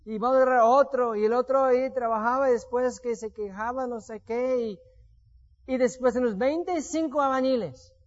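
A preacher with a very high, steady voice delivers a sermon at a moderate pace, and the recording is muffled. He shares personal testimony through stories, acting out words he once said.

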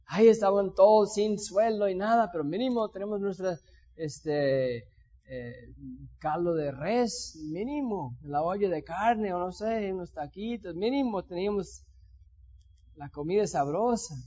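A high-pitched man preaches a sermon in a lively, animated way. He slips into playful complaining voices and grumbling sounds. The recording is dull and lo-fi. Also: a little slow.

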